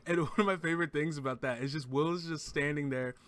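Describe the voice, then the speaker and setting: A man's voice: a little high, fairly even intonation, fairly quick, a bit bright. A man giving a casual, enthusiastic spoken review of a TV episode, rambling and often restarting his sentences. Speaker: TV show reviewer.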